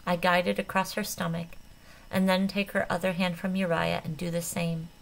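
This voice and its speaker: A woman narrating an audiobook in a steady, subdued first-person voice. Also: fairly low pitch, normal speed, gravelly.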